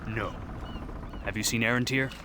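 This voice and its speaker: A man's voice: mid-range voice, steady tone, normal speed, background noise, lightly acted. A man voicing a young, determined and earnest warrior hero in a video game, resolute and plain-spoken. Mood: grim.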